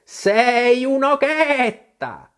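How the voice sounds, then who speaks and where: A reader doing a cranky old sheep. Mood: scolding. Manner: slow, high and scolding. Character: grumpy old female sheep knitting in a boat. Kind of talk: storybook reading.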